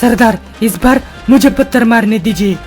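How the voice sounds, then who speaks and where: Woman doing a whiny sidekick bandit, lower than her usual voice but still high, tattles on his boss, cartoon. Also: normal speed, music in the background, close to an everyday voice. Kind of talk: cartoon comedy voice acting.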